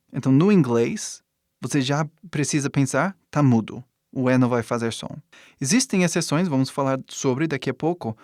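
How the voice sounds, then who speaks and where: With a medium-pitched, darkish voice, this man teaches English pronunciation in a video lesson, recorded at studio quality with no room sound. English is his first language, and he explains things while frequently tagging on "né?" and "tá?".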